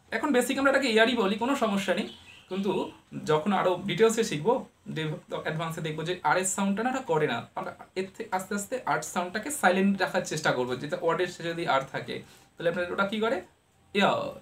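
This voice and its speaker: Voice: mid-range voice, fairly bright tone. A pronunciation teacher explaining step by step, often asking questions and mixing two languages, with playful asides. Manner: playful, gives vowels human traits; switches often between Bengali and English. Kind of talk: online pronunciation lesson.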